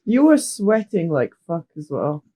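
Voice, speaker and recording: A woman's voice: on the low side, big pitch swings, slow, warm tone. A woman in a band, teasing her bandmates and giggling through tour memories in casual podcast chat. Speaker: band member.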